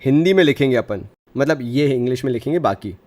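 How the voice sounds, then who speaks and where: A man's voice: mid-range voice, animated, quick pace, darkish tone. A friendly young man teaching a live online commerce class, mixing Hindi and English and answering students' chat comments in a reassuring way. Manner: friendly, reassuring, calls students brother and dear; mixes Hindi with English phrases.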